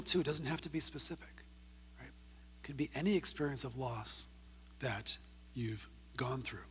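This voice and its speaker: Male speaker, counselor type, slightly high and bright with a husky edge; storytelling delivery full of "right?" tags. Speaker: counselor giving a talk. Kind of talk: conversational talk to a group. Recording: long reverb of a church hall.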